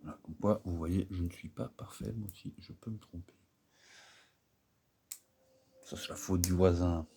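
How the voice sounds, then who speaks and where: A man's voice: sits low, steady tone, normal speed, creaky, long pauses, mellow, slightly rough. A man chatting casually while building a Lego set, rambling and hesitant, full of fillers and self-mocking asides. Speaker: Lego builder and video host.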